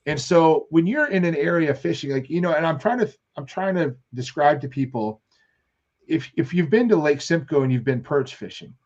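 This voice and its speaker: Rambling fishing storyteller, muffled audio. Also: male voice, a little high, normal speed. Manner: rambling storyteller, animated quotes. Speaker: fishing show regular. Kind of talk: casual chat on live show.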